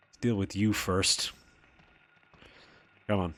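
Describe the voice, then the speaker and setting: A man's voice: low voice, fairly even intonation, takes it slowly, fairly bright tone. A man giving casual commentary while playing a video game, laid-back, chuckling often and swearing casually. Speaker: let's play host. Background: faint game music.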